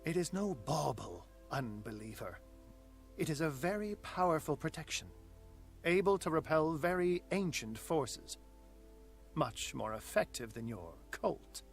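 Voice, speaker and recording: An actor playing an aloof male occultist in a video game, speaking in a haughty, measured and condescending way. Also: a little high, big pitch swings, vocal fry, exaggerated voice. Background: game music.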